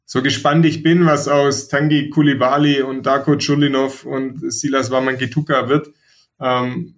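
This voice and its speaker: Gravelly, even-toned man. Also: medium pitch. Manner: measured, reflective, frequent hesitations. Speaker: podcast co-host, football pundit. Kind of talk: casual discussion.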